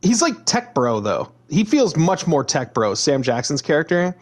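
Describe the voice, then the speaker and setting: Man, podcast co-host, lively swooping pitch, slightly high voice, profane rants. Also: normal speed. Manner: animated, profane ranting. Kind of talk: casual movie review chat.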